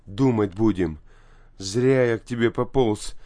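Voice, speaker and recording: A bold, quick-thinking boy with a terse, commanding manner as a man reads him. His voice sits a little higher than the narrator's low tone, in a dry close recording. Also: warm tone, dry recording, natural voice. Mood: calm.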